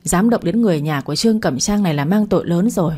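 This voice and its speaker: A woman's voice: on the low side, expressive, fast talker, dark tone, breathy edge. A woman voicing a cocky young policewoman who talks smugly and threateningly. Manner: smug, threatening.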